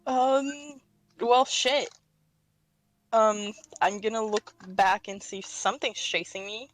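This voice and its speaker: Slow-talking woman player, blunt and swearing. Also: mid-range voice, no echo, poor audio. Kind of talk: casual tabletop play.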